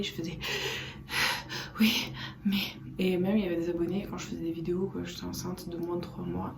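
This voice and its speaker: A woman vlogger chatting casually to camera from her bedroom, soft-spoken and rambling, repeating herself. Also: on the low side, vocal fry. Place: bedroom at home, indoors. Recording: echoey room with background noise.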